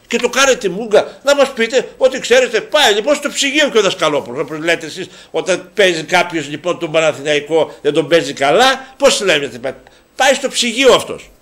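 Sarcastic, animated man ranting. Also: high-pitched. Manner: indignant, sarcastic, swears, many restarts and fillers. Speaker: local TV sports show host. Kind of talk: heated football commentary monologue.

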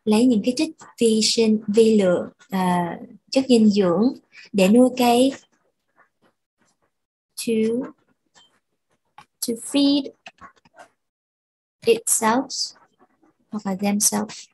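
Woman teacher, slow and patient, breathy voice, repeats words to drill pronunciation. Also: a little high, dark tone, low-quality recording. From Vietnam. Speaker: English teacher. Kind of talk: bilingual language lesson.

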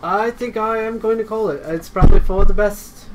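High-pitched guy joking around over cards, noisy home recording. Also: normal speed. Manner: playful, teasing, laughs often. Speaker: player. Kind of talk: casual game-night banter.

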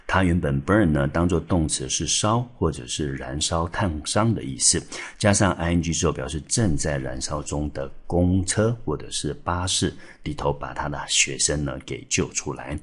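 Male teacher from Taiwan, deep gravelly-husky voice, steady explainer who spells out words. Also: moderate pace, few pauses. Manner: explains step by step, spells out letters, many filler particles. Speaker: English teacher. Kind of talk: exam-prep vocabulary lesson. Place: school classroom or studio.

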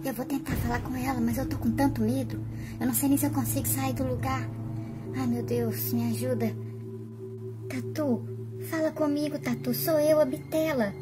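Fearful young doll, soft trembling voice , as a woman puts her on. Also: sits high, fairly even intonation, normal speed, music in the background, voice pushed down, natural voice.

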